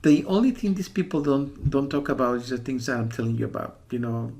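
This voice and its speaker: This man from the USA speaks in a mid-range, slightly dark, creaky voice, steady in tone and a little fast. Reviewing software casually, he cautions his audience, rambling insistently and repeating himself a lot.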